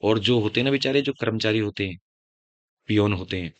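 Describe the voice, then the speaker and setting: In a dry recording of a classroom lecture, a man from Uttar Pradesh teaches biology at a brisk pace with a fairly low voice. He addresses students as "beta," wanders into life advice, and comments on his heavy, stern-sounding voice.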